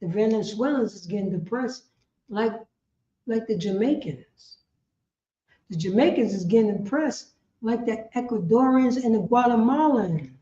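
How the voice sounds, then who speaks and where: In an echoey room with muffled, lo-fi sound, a female preacher teaches a class. Her voice is on the high side, mellow and lively in intonation, and she speaks a little slowly. She is impassioned and insistent, emphatic and repetitive, leaning on rhetorical questions.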